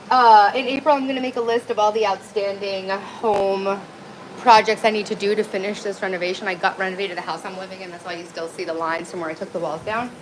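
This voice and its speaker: A woman's voice: medium pitch, a bit bright, poor audio. A woman live streamer chatting casually from home on a phone, blunt and easily sidetracked as she talks to viewers. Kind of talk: casual rambling chat with viewers. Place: indoors at home, moving between rooms. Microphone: phone, moving around. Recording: faint background noise.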